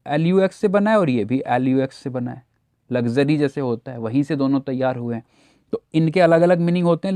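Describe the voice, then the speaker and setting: A man's voice: on the high side, mellow, no room sound. Indian man teaching English grammar. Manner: explains step by step, spells words letter by letter, asks students if they follow. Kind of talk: exam-prep grammar lesson.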